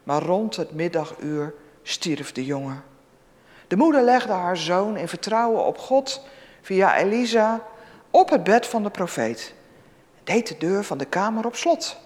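A preacher introducing and reading a scripture story aloud in a church service, telling it expressively. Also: measured pace. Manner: expressive storytelling with lively pitch. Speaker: preacher or worship leader. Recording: long church reverb.

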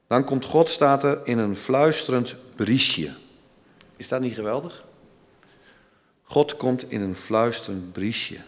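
Man preaching in a church, unhurried and solemn, mid-pitched voice, long hall reverb. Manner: slow, gentle and solemn, with long pauses. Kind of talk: sermon.

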